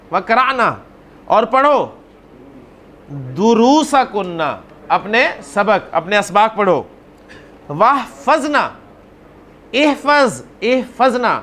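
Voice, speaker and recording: A man teaching an Arabic grammar class, explaining patiently, calling on students by name and repeating words slowly. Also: extremely high pitch, sharp tone.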